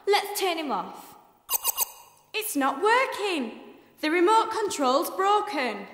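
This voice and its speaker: A woman's voice: extremely high pitch, very animated, slow pace, fairly bright tone, heavily acted. A young woman playing an anxious lab assistant in exaggerated children's theatre style, speaking through a headset mic. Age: young adult. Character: anxious young female lab assistant hiding a runaway robot. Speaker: performer in a children's stage show. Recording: echoey theatre hall, music behind.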